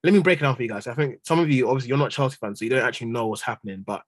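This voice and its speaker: A man's voice: medium pitch, rapid-fire, no room sound. A young man with an urban London accent and street slang, ranting in exasperation during casual football banter. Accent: London, urban street slang style. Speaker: football podcast panellist, Chelsea fan.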